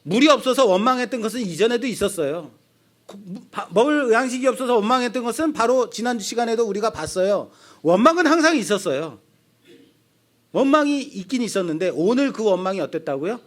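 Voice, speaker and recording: Lively high-voiced Korean pastor preaching. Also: male voice, fairly quick. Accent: Seoul Korean. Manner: animated, acts out quoted voices of people; asks the congregation questions and answers them. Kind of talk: expository sermon.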